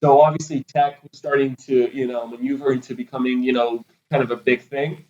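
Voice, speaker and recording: A man's voice: medium pitch, little pitch movement, fairly quick, a little mellow, muffled recording. A man in his thirties from Israel, answering interview questions in a loose, rambling way full of fillers. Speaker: podcast guest, PR agency founder.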